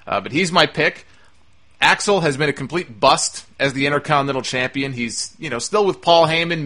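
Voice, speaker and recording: A male podcast host with a bright, forceful voice at a middle pitch. He talks through wrestling commentary conversationally and gives firm opinions.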